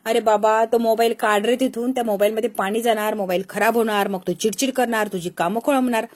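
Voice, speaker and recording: An impatient young man who grumbles and nags at the others, as a woman narrator puts him on. The voice stays high, close to the storyteller's own. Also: fairly even intonation, fairly quick, close to an everyday voice. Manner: nagging, impatient.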